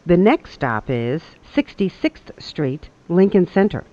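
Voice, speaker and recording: A recorded subway announcer heard over a train loudspeaker, speaking in measured, evenly spaced phrases. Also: mid-range voice, big pitch swings, dull audio. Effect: played over a train loudspeaker.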